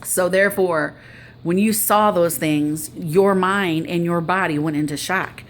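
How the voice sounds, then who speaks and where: A middle-aged woman vlogs casually to the camera about her own experience, earnest and conversational. Her voice is lowish and a little slow, with slight background noise.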